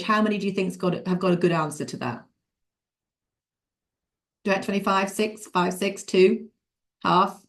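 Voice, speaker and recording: A woman leads an interactive leadership webinar over a video call. She talks in a lively, encouraging way, laughs often and calls on participants by name. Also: mid-range voice. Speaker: leadership mentor running a webinar.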